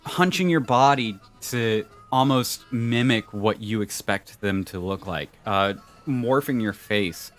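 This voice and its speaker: A man streaming a video game, talking casually in a rambling way and filling his pauses with "uh", with his pitch jumping up when he gets excited. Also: faint music behind. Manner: rambling, many "uh" fillers. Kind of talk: casual let's-play commentary.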